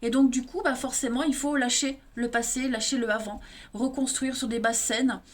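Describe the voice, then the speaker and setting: Speaking at a moderate pace, a woman with an eastern French accent delivers a monthly tarot reading straight to her viewers, often tacking "hein" onto her sentences. Her voice is fairly high with a steady tone, and there's a slight hiss or hum.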